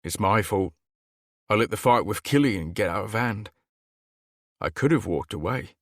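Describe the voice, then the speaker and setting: A guarded young shifter from a fantasy audiobook, as a man plays him, tense and self-blaming. The voice is low and gravelly with lively swings of pitch. The sound is close and dry. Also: normal speed, no echo. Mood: guilty.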